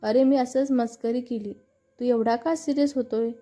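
A woman reading as a gentle pleading girlfriend. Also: fairly high pitch, fairly even intonation, normal speed, lightly acted. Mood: affectionate. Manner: soft, coaxing. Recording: dull lo-fi narration with faint music.

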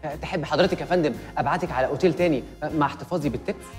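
An actor playing a cheeky, tip-hungry hotel porter with an Egyptian accent, fawning and then stubborn. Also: male voice, fairly high pitch, rapid-fire, long reverb tail, soft background music, natural voice. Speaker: hotel bellboy. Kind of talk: TV comedy series acting.

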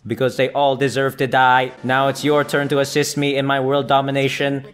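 A man's voice: medium pitch, monotone, normal speed, soft background music, natural voice. A man playing a sinister water-pump machine. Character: sinister male water-pump machine plotting world domination.

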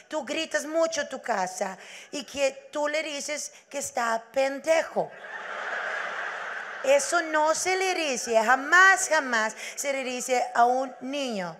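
A woman voicing a female school psychologist who lectures slowly and softly. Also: high voice. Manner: slow, measured, soft-spoken, preachy.

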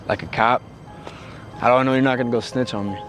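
A man's voice: medium pitch, fairly even intonation, quick pace, over music, close to an everyday voice. Blaze, a man playing a shady vape dealer. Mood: pushy. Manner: pushy, suspicious.

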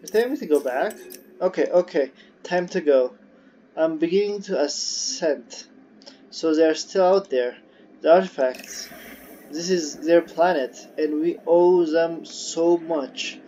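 A man reading aloud the lines of a woman scientist exploring an alien ocean, slow and earnest, with halting restarts. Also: a little high, dark tone, slight background noise, close to an everyday voice. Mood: reflective. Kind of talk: reading game dialogue aloud. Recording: dull lo-fi audio with game music.

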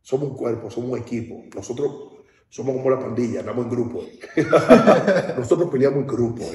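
A man from the Dominican Republic preaches at a baptism, talking to the congregation directly and often checking that they follow him. His voice is mellow and warm. He is recorded from some distance in a large, echoing hall. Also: medium pitch, normal speed, slight background noise. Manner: conversational preaching, often asks "¿entiendes?". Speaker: pastor. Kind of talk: sermon. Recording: echoey hall, speaker off-mic.

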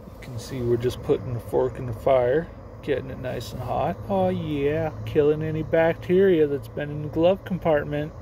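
This is a casual, joking how-to vlog: a young man cooks on a camp stove in his parked car, rambling offhandedly and poking fun at himself. His voice sits on the high side and is creaky, moving at a moderate pace. The phone is close by, picking up background noise from the sizzling stove.

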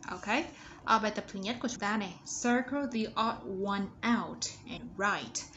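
A woman teaching young children, walking through exercises and modeling English words slowly for them to repeat. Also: medium pitch, fairly bright tone. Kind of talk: step-by-step exercise walkthrough. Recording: slightly dull audio with faint background noise.

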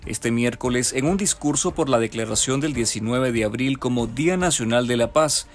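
A man reading a scripted news voice-over in a steady, formal newsreading manner. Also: medium pitch, moderate pace. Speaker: news narrator.

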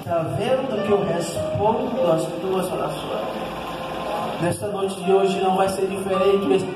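A pastor in his thirties with a Northeastern Brazilian Portuguese accent preaches an impassioned sermon that surges loud and then drops low, though his tone stays steady and his pace measured. He speaks into a handheld mic at a pulpit in a small, echoey church hall. The recording comes from a distant camera and is very noisy, with loud music.

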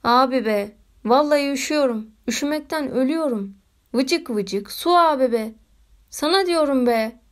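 A woman's voice: high voice, rapid-fire, few pauses, close to an everyday voice. A woman voicing a sleepy little boy who whines and pleads that he is freezing. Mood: whining. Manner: whiny, pleading.

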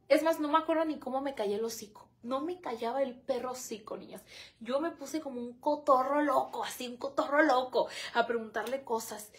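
A young Mexican woman chatting on a livestream in a dramatic, talkative way, reading viewers' comments aloud. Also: sits high. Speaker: livestream host. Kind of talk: casual livestream chat.

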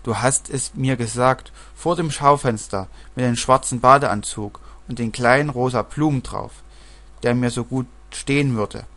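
A man reading the lines of a touchy little girl who shouts and quarrels. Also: mid-range voice, unhurried, dry recording. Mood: indignant. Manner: indignant, loud.

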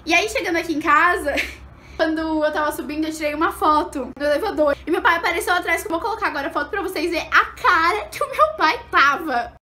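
Young female vlogger, high bright voice, rapid storytelling, small echoey room with faint ambience. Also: a little hiss or hum. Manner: animated, acts out quotes with big pitch jumps. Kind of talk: storytime vlog.

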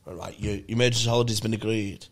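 A man, telling a casual, sweary comic anecdote in a rambling way, with a gravelly voice. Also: lowish voice, fairly even intonation, racing. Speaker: podcast guest telling a story. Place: small brick-walled podcast studio. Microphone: close studio microphone on a boom arm.

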